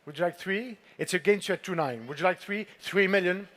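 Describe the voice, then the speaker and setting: A man with a high-pitched, brisk, fairly bright voice works as a fine art auctioneer, calling and repeating bids in a poised, formal manner and politely prompting bidders. He's in an auction saleroom with bidders present.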